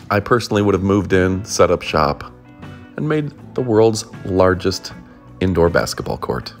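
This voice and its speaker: A male host narrates a casual documentary, his pitch swinging up and down as he talks. He keeps it upbeat and drops jokey asides along the way. Faint guitar music plays underneath. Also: vocal fry. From Detroit area.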